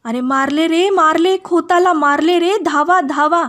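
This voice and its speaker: A woman's voice: very high-pitched, unhurried, fairly bright tone, pitched above the performer's own voice. A woman voicing a frightened old village woman who cries out shrilly and urgently for help. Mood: alarmed.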